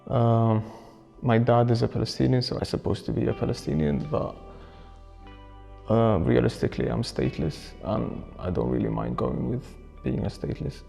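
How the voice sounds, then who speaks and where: This documentary interviewee is a student in his early twenties who was raised in Syria; he speaks thoughtfully while hunting for words. His voice is mid-range, gravelly, warm and expressive, at normal speed. Faint music can be heard in the echoing space.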